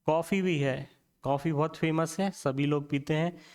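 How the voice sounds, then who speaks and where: A man's voice: fairly high pitch, fairly even intonation, measured pace, darkish tone, clean tone, long reverb tail. A man teaching a Hindi grammar lesson, asking the class questions and answering them himself, often checking in with "theek hai".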